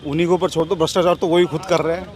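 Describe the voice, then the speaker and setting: A man's voice: fairly high pitch, level tone, racing. A man stopped on the street, complaining angrily and repeating his points. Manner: angry, repetitive complaints. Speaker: passer-by interviewee.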